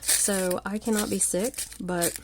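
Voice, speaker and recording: A woman with a cold gives a relaxed live crafting lesson at an indoor table, shot from above on her hands. Her gravelly, congested voice is mid-range, steady and slow, and there's noise in the background. She chats and rambles, frequently dropping into a murmur.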